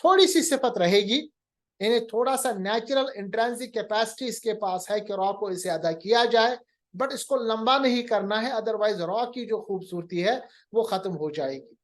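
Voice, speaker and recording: A man's voice: sits high, normal speed. A man teaching Quran recitation in a recorded lecture, patiently explaining, mixing in English terms and drawing out sounds to demonstrate them.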